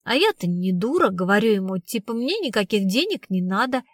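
A woman's voice: medium pitch, very animated, brisk, no echo, studio quality. Woman doing a blunt streetwise young woman. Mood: flat. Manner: slangy, blunt storytelling. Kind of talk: audiobook reading.

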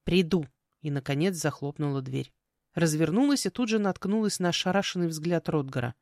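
A woman narrating a first-person fantasy novel as an audiobook in an even, measured manner. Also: sits low, no echo, studio quality. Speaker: audiobook reader.

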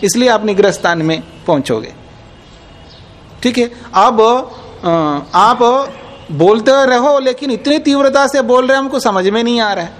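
Man, teacher, high voice, Hindi accent, patient classroom explanation, repeats examples. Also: normal speed. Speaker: teacher of Nyaya philosophy.

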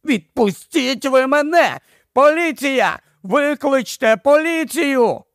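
Man putting on a frantic, shouting man. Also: high voice, big pitch swings, slow pace, no room sound, studio quality, voice pushed up, heavily acted. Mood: desperate. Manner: desperate, shouting, pleading. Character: panicked frantic middle-aged man shouting.

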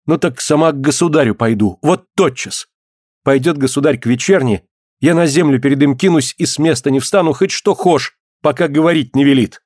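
A man's voice: a little high, brisk, darkish tone, no echo, studio quality, close to an everyday voice. A man voicing a desperate young peasant wife who pleads and laments in old folk speech. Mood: pleading.

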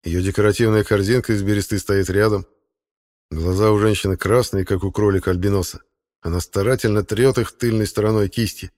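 A man reading a first-person novel aloud as an audiobook narrator, in a steady, matter-of-fact storytelling manner. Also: fairly low pitch, brisk.

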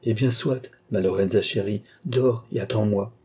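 A man's voice: on the low side, normal speed, mellow, husky. A man playing an ardent, passionate mesmerist who questions his entranced lover eagerly and urgently.

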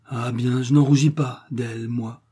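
A man reading aloud and voicing an indignant older peasant woman who speaks out loudly and emphatically in raised tones. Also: steady tone, measured pace, husky. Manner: raised pitch, emphatic declaiming.

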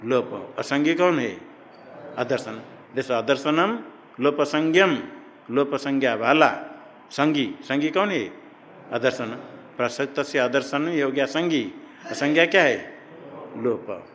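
Male teacher, mid pitch, steady question-and-answer lecturing, echoing hall sound. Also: measured pace, long pauses, a little hiss or hum. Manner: asks questions and answers them himself, repeating terms. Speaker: Sanskrit grammar teacher. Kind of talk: classroom lecture. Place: hall or classroom at an ashram.

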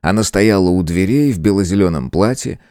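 A man narrating a fantasy novel in the first person, with a lively, expressive reading. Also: sits low, a little fast, no echo, clean studio sound. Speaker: audiobook narrator.

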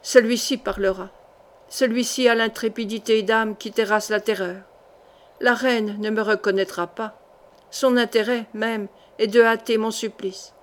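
A woman reading aloud, voicing a ruthless male scholar-sorcerer who mutters intense, low threats in a storybook reading. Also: steady tone, measured pace, natural voice. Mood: furious.

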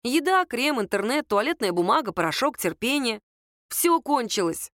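A sulky, self-pitying young woman from a storybook, as a woman narrator puts her on, grumbling and sarcastic about her own life. Her voice sits fairly high and sounds close and dry. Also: very animated, moderate pace, a bit bright, no echo.

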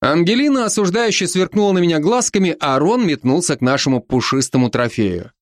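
A man narrating a science fiction story in the first person, expressive and wryly ironic. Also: a little high, fairly quick, no echo, clean studio sound. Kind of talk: audiobook narration.

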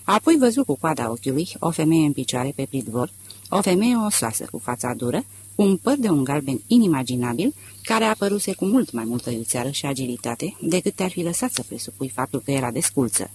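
A man reading a literary audiobook aloud in a measured, expressive narration. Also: fairly high pitch, a little hiss or hum. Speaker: audiobook reader.

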